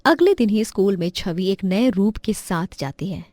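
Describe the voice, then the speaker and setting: A woman narrating a moral story in a gentle storybook manner. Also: mid-range voice, lively intonation, moderate pace, no echo, studio quality. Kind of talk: scripted narration.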